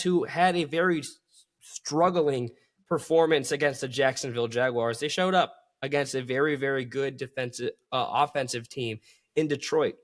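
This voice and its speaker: A man hosting a solo sports podcast, talking with enthusiasm and calling his listeners folks. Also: medium pitch.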